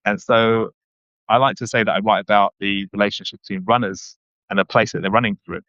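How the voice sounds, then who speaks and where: A man, a guest speaking thoughtfully in a casual interview, often pausing and restarting. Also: lowish voice, fairly even intonation, a bit bright, no room sound. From London, England. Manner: reflective, hesitant with many restarts and ums. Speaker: guest, running writer. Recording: dull, dry lo-fi audio.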